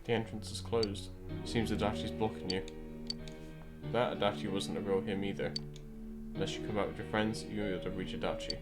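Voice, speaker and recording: A man narrates on-screen game text in a slightly low voice. Loud guitar music plays behind his reading. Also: flat delivery, brisk.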